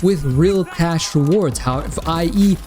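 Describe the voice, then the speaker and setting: Losing his voice and dealing with a dry mouth, a gaming content creator talks straight to his viewers in a casual, opinionated game review and feedback. He speaks slowly in a fairly high, darkish voice, with soft music playing in the background.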